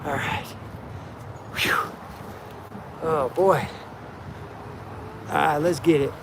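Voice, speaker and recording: A man hosts a casual live stream, chatting upbeat and straight to his viewers while he carries his gear outdoors. His voice sits high for a man. Loud vehicle and street noise from the open lot runs under his phone audio. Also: extremely slow, gravelly. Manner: upbeat, talks straight to chat. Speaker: livestream host. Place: outdoors at a truck stop parking lot. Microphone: handheld phone.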